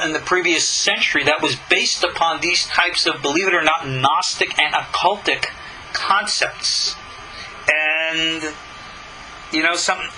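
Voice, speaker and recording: Over a noisy background, a man with a somewhat high voice teaches a class as a rabbi. He reads from scripture, then argues his points forcefully and fires off rhetorical questions.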